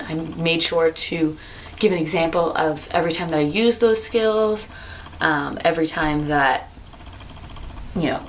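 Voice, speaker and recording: Bubbly young woman vlogging, slightly low voice. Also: a little hiss or hum. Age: 20s. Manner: bubbly, animated storytelling. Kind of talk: casual chat to camera.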